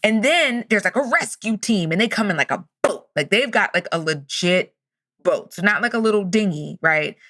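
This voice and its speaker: Bright-voiced motivational woman host. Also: medium pitch, lively intonation, normal speed, dry recording, studio quality. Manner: enthusiastic, storytelling. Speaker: podcast host. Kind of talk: motivational podcast talk.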